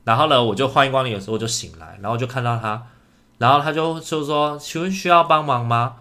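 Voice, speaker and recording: A young man co-hosting a podcast, telling a personal story in a casual, animated way and acting out the quoted lines. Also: medium pitch, quick pace. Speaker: podcast co-host.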